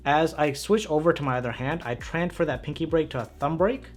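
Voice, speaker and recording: A man's voice: fairly high pitch, fairly quick. A man presenting a magic tutorial in casual, upbeat card magician patter, speaking straight to the viewer.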